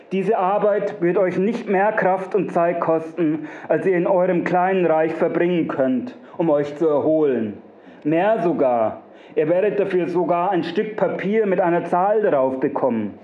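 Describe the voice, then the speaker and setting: A smug, wrinkled little gnome from a spoken fairy tale, put on by a male storyteller. He talks in coaxing, long-winded, repetitive promises in a rather high voice. The recording is dull and lo-fi with a roomy echo. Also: a little slow, warm tone.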